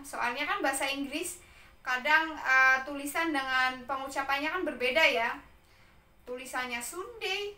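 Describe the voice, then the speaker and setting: Woman teacher, high voice, bright tone, patient explaining, echoey room. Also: far from the mic. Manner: patient, repeats and checks with "ya" and "nah". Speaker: English teacher. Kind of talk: explaining exam material to young pupils.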